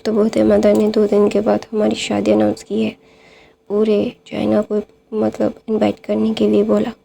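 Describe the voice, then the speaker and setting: A woman retells a fan-fiction plot in a loose, chatty way, full of small fillers. Her voice is mellow and gravelly, with a flat, level pitch. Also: moderate pace, a little hiss or hum. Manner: loose, with many fillers and "then there" links. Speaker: storyteller.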